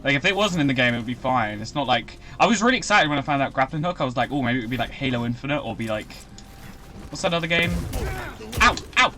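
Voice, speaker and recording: A young man chatting casually as he streams a video game, rambling and breaking into excited outbursts. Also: mid-range voice, fast talker. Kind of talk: casual live-stream commentary.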